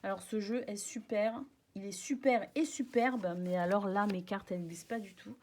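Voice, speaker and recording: A woman giving a casual tarot reading, gentle and reassuring, often pausing on fillers. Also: medium pitch, a little hiss or hum. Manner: gentle, reassuring, frequent fillers and soft laughs. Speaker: tarot reader.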